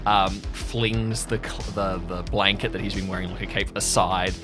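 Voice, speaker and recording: A man improvising narration as a tabletop game master, halting and amused as he tells the story. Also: deep voice, flat delivery. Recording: music behind the voice.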